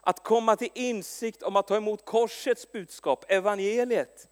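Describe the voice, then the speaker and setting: High-voiced preacher in an echoing hall. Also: male voice. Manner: lively storytelling with frequent restarts and stumbles. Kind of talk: sermon. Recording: long echo in a large hall.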